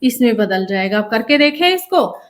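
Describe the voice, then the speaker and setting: A woman's voice: fairly high pitch, big pitch swings. A woman teacher giving a grammar lesson, working through examples step by step and asking her students questions, then answering them herself. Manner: slow, repeating questions to students.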